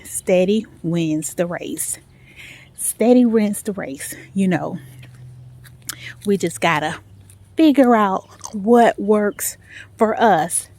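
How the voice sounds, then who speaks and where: A woman's voice: medium pitch, mellow. A woman talking casually and encouragingly to followers while out walking, repeating phrases for emphasis. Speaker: vlog host. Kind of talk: casual motivational talk to followers. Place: outdoors, walking in a residential neighborhood. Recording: clear outdoor noise, passing vehicles. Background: outdoor ambience, vehicle noise.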